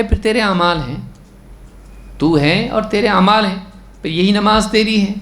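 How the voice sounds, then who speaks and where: Stern religious teacher in an echoey room. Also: male voice, sits high, a bit bright. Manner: recites Arabic text, then explains it; asks the listeners questions, then answers them. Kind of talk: religious lesson on prayer.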